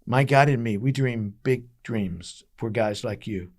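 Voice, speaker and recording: A man voicing a kind, tireless woman speaker of faith, in a bright, warmly insistent way, barely changing his own voice. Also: mid-range voice, a little slow, lightly acted. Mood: earnest.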